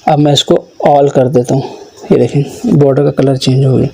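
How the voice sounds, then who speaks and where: Man, gravelly and mellow voice, software tutorial teacher, step-by-step explaining. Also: medium pitch, steady tone, moderate pace. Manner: step-by-step explaining, voicing the learner's requests. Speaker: computer course teacher. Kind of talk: screen-recorded software tutorial.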